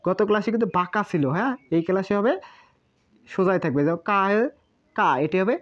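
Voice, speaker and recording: A woman's voice: medium pitch, brisk. A woman with a Bangladeshi Bengali accent, a language teacher patiently explaining and drilling syllables one by one. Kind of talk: explaining at a board. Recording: slightly dull lo-fi recording.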